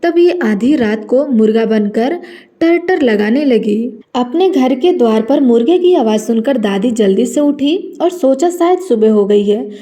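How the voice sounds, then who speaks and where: A woman narrating a devotional story in a steady, earnest way. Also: fairly high pitch.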